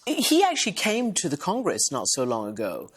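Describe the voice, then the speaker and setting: A woman's voice: low voice, wildly swooping pitch, normal speed, slightly rough. A woman television anchor conducting a news interview, posing poised, probing questions.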